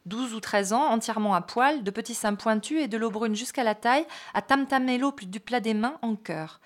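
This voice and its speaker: A woman's voice: fairly high pitch, normal speed. Woman reading a novel aloud. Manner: expressive reading with brief spoken asides. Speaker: reader.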